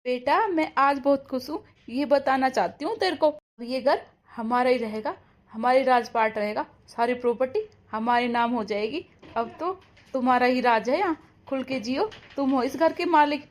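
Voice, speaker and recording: A woman's voice: sits high, normal speed, natural voice. Cartoon: woman voicing a sly, gloating old grandmother, smug. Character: scheming cruel grandmother, gloating.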